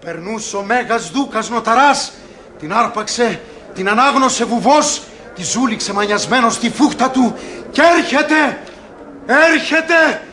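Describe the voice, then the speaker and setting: A man's voice: very high voice, full character voice. A man playing an urgent frightened monk. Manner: urgent, excited. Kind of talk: classic radio drama acting. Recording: old archival radio recording.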